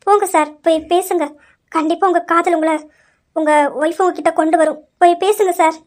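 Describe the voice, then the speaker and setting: A woman's voice: very high voice, steady tone, brisk. A woman voicing an earnest female hospital doctor who explains a patient's condition in an audio drama. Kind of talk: amateur audio drama acting.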